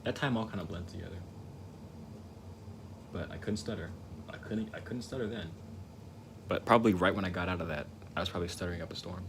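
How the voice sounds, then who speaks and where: Talking fast yet leaving long pauses, the young livestreaming painter speaks in a very deep, low voice with a stutter. His casual, reflective rambling features repeated words and restarted thoughts, set against constant background noise.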